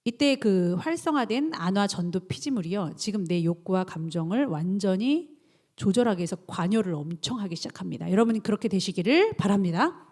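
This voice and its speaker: A woman pastor preaching a sermon, animated and acting out inner self-talk in quoted voices. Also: mid-range voice, brisk.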